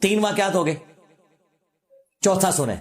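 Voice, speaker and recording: Religious scholar, male, high voice, sarcastic debunking tone, roomy echo. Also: expressive. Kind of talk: reaction lecture.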